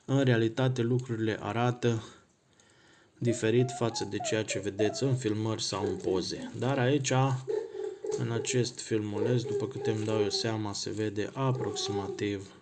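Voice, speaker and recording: A man vlogging as a watch collector, talking casually and thinking aloud, often pausing and correcting himself mid-phrase. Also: fairly low pitch, background noise. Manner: relaxed, thinking aloud with pauses and self-corrections. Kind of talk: casual unboxing talk.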